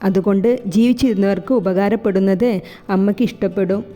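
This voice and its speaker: An earnest, headstrong young college woman, voiced by a woman reading a romance novel aloud. Mellow, soft tone. Echoey room, faint music behind. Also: medium pitch, steady tone, brisk, close to an everyday voice. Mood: determined. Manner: earnest, pleading. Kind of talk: audiobook character voice.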